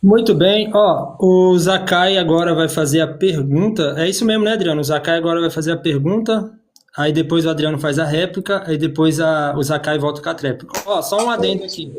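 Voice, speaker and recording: A man's voice: a little high, a little fast. A man moderating a live debate, firm and warning, repeating himself for emphasis.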